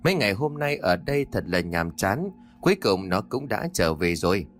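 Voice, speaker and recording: A man voicing a calm, kind young lady of the house who speaks soothingly, in a read-aloud ghost story. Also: lowish voice, moderate pace, soft background music. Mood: gentle.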